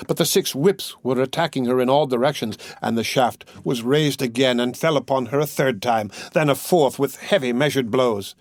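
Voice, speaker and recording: A man narrating a classic novel as an audiobook, reading in an expressive, dramatic way. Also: mid-range voice, normal speed, few pauses, no echo.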